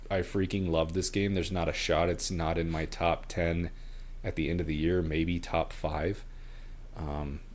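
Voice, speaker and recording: A man in his thirties hosting a casual gaming podcast, leading the talk and laughing often. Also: low voice. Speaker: podcast host. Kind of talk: casual chat.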